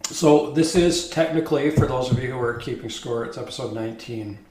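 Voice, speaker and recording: A man's voice: medium pitch, fairly quick, echoey room, a loud crowd. A middle-aged or older man with a Canadian accent, hosting casually in a wry, wordy, hesitant conversational style. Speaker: podcast host.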